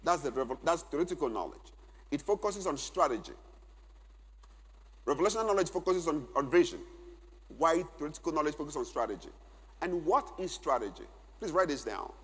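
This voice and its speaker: A middle-aged man with a fairly high, breathy voice teaches emphatically at a church men's conference, repeating key phrases so his listeners can take notes. The large church hall gives his words a long reverb.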